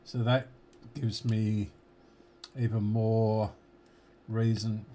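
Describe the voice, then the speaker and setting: A man's voice: fairly low pitch, little pitch movement, dark tone, a little hiss or hum. An Australian man casually talking through a radio repair at his workbench, muttering to himself as he works and now and then talking with his mouth full. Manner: slow, muttering to himself while working. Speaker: electronics repair hobbyist.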